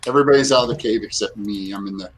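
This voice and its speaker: A man's voice: fairly low pitch, racing, a bit bright. A man chatting casually as a player in a tabletop game.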